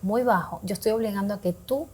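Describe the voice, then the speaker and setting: A woman's voice: medium pitch, quick pace, a little mellow, breathy edge. A woman guest on a talk show, explaining how to handle emotions with everyday examples and acted-out bits of self-talk. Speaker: guest speaker on emotional health.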